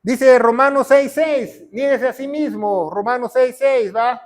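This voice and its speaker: High-voiced pastor preaching emphatically. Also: male voice, measured pace. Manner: emphatic preaching with frequent "¿va?" tag questions; swings from loud declarations to quiet low-voiced lines. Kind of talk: sermon.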